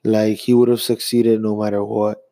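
A young man rambling through a profane, casual sports rant as a vlogger, jumping between fast bursts and drawn-out phrases. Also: fairly low pitch, level tone, gravelly, mellow, dry recording.

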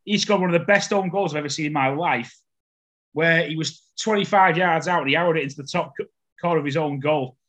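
High-voiced man, chatty host. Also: quick pace, a bit bright. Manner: chatty storyteller, stammers when starting a story. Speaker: podcast host. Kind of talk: casual podcast chat.

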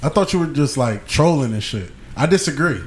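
A man co-hosting a casual podcast, with a lively, slightly high voice that rises and falls a lot. He teases the others and swears freely. When he disagrees, he says so bluntly. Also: a little fast, breathy edge. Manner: teasing, profane, blunt disagreement. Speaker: podcast co-host. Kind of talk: casual chat.

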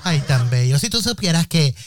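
A man's voice: on the high side, big pitch swings, normal speed, a little hiss or hum. Choli, a man playing a giddy gossipy woman. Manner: giggly, rambling, exclamatory. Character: giddy gossipy female radio comic character. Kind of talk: radio comedy sketch.

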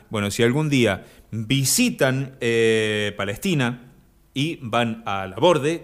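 Animated deadpan Argentine man, livestream host. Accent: Argentine Spanish. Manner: deadpan absurd, jumps into high shouted voices. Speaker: comic host of an Instagram live. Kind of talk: improvised comic live chat, reading comments.

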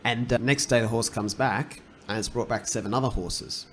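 A man's voice: medium pitch, steady tone, normal speed, fairly bright tone, slight background noise. Man rambling through a casual podcast chat. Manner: rambling, thinking aloud, retelling stories. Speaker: podcast co-host.

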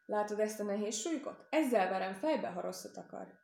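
A woman's voice: medium pitch, lively intonation, vocal fry, a little mellow, reverberant. A woman voicing a plump, fussy mother goose in a storybook reading, chatty and bustling. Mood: fussing.

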